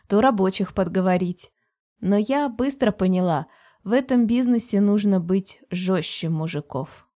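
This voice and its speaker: A woman reading an audiobook voices a tough middle-aged businesswoman aunt who speaks firmly and briskly. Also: medium pitch, mellow, close to an everyday voice. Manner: firm, brisk, matter-of-fact. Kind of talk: audiobook character voice.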